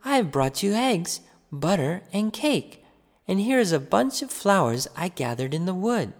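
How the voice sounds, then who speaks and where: A sweet, innocent little girl from a fairy tale, as a male narrator puts her on, answering politely in a raised, lilting voice. Her lines come slowly and carefully. The reading sits in a long, echoey reverb. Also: sits high, big pitch swings, voice pushed up, full character voice.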